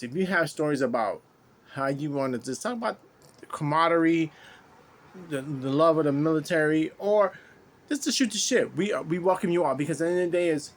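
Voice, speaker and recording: A man hosting a veterans' podcast, talking casually and from the heart in a rambling way, often restarting phrases and swearing. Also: on the high side. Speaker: podcast host, military veteran. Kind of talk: casual heartfelt monologue to listeners.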